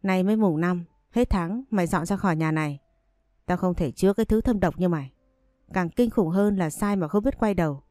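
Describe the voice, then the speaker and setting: A woman's voice: on the low side, a little fast, no echo, clean studio sound, close to an everyday voice. A woman voicing a harsh, scolding landlady in a spoken story. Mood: angry. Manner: scolding, sharp.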